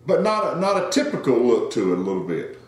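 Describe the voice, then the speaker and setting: A man's voice: mid-range voice, huge pitch swings, fast, roomy sound. A man co-hosting a casual beer review chat, reading notes with fillers and restarts. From North Carolina. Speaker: beer review podcast co-host.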